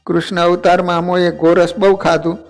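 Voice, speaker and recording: A man voicing a playful young divine figure who is hungry and tired, speaking a little higher than his own voice. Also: level tone, moderate pace. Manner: raised pitch, playful and demanding.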